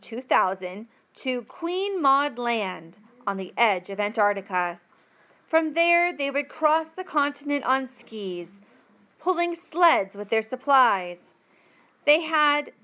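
A woman with a fairly high, bright and forceful voice reads a textbook passage aloud very slowly, like a teacher reading to learners. She phrases each part carefully and deliberately.

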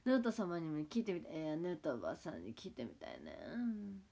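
A woman's voice: fairly low pitch, fast, gravelly. A woman in her twenties speaking with a Kagawa dialect, chatting casually with viewers on a livestream. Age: 20s. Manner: relaxed, chatty, answers viewer comments. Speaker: idol livestream host. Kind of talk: casual livestream chat reading comments.

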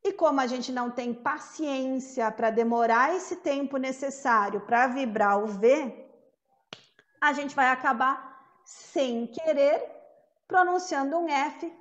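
High-voiced woman teaching slowly. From Brazil. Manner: patient, repeats words slowly to model sounds. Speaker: English teacher. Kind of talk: classroom pronunciation lesson.

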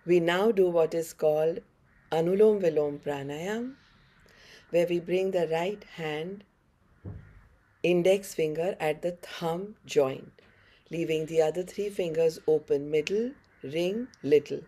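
A middle-aged woman with a North Indian accent leads a guided online yoga class, giving short, encouraging instructions. Her voice is low, mellow, and slow. She faces the camera in a head-and-shoulders webcam shot.

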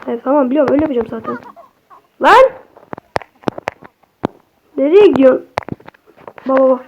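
A young woman, a native Turkish speaker, gives excitable, chatty horror game commentary to her viewers, cursing at the game as she plays. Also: sits high, fairly quick, dull audio, noisy background. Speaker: gaming streamer.

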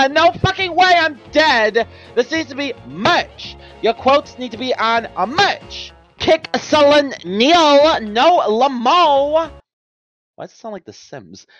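Woman doing an excitable young artist, high-pitched, lively swoops, gushing, fan chat voice-over. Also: slow, highs cut off, faint music behind, exaggerated voice. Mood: giggly. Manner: giggly, gushing, bursts into squeals.

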